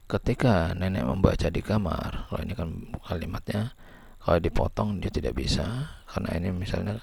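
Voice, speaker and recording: A man's voice: deep voice, gravelly, a little mellow, slightly rough, no echo. A man giving a lecture, explaining step by step and reading out example sentences. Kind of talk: lecture on syntax.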